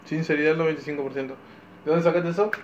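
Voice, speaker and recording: A man's voice: fairly high pitch, steady tone, rapid-fire, dull audio, a little hiss or hum. A young man with a Rioplatense Spanish accent co-hosting a casual podcast, joking around, laughing often and playfully exaggerating. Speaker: podcast co-host. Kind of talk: casual chat.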